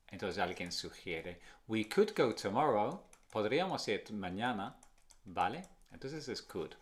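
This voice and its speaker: A man who speaks English natively, giving a casual video lesson in Spanish, chatty, and switching to English to model pronunciation slowly. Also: on the low side. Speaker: English teacher.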